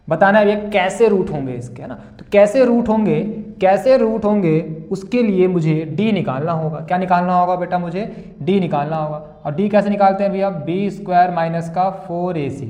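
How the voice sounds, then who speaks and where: A man's voice: sits high, a little mellow. A young male maths teacher solving board-exam problems, calling students "beta" and "bhaiya" and asking and answering his own questions. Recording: echoey room.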